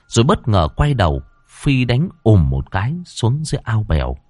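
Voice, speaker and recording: A male storyteller reading a ghost story with a low, lively voice that rises and falls dramatically. The sound is dry and close, with no room echo. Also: moderate pace.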